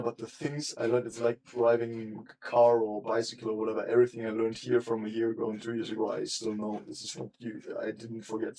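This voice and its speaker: A young man live-streams casually while he works, thinking aloud into a desk mic in loose, rambling sentences that often trail off. His voice is mid-range and mellow, and the recording is rough.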